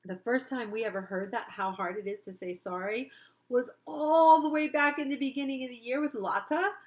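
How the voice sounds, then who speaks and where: A woman's voice: fairly high pitch, normal speed, low-quality recording. A woman teacher reading a children's book aloud, breaking off to explain things to her listeners in a chatty way.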